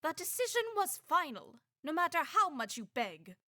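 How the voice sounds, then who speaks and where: A woman plays a prim, formal mare official of a fan-made game with a high, lively voice. She speaks in a proper, lecturing way, every word measured and correct. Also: no room sound, clean studio sound, heavily acted. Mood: stern. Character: stern pompous mare council official.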